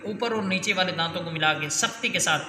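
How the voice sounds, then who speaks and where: A man teaching Quran letter pronunciation in a patient, explanatory way. He draws each letter out slowly as he demonstrates it. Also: high-pitched, sharp tone, a little hiss or hum. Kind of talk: spoken lesson with letter drills. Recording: echoey room with long reverb.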